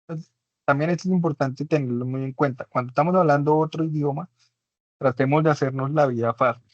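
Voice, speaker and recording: A man's voice: on the high side, fairly quick, a little mellow, dry recording, muffled recording. A man teaching an English class in Spanish, his first language, patiently explaining and checking understanding with tag questions. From Latin America.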